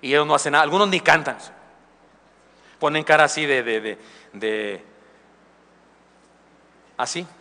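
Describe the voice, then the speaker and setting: A man's voice: fairly high pitch, fast talker, long pauses, sharp tone, a little hiss or hum. A man, a pastor preaching a conversational sermon with asides and humor, recorded live in a church. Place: church sanctuary. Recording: live church recording with long hall reverb.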